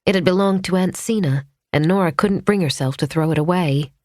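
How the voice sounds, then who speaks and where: Low-voiced woman narrating a thriller. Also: a little mellow, no room sound. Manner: measured, tense storytelling. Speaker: audiobook narrator. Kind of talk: scripted narration. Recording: dry studio audiobook.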